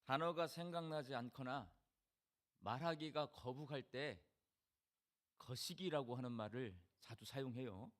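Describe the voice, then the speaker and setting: A man's voice: mid-range voice, measured pace. A middle-aged male pastor with a Jeolla Korean accent, preaching a sermon in a folksy way and putting questions to the congregation. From Jeolla region of Korea.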